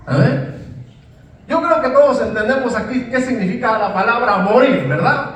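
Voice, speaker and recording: A man's voice: extremely high pitch, lively intonation, normal speed, slight background noise. A man preaching a sermon, emphatic, often repeating words and saying amen. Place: church hall. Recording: very echoey church hall, mic at a distance.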